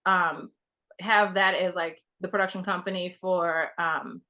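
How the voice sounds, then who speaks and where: A woman's voice: lowish voice, steady tone, measured pace, pushed and bright, muffled recording. A young woman from Trinidad, a television producer talking casually as a guest, full of fillers and restarts. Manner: rambling, many fillers and restarts. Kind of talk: casual conversation.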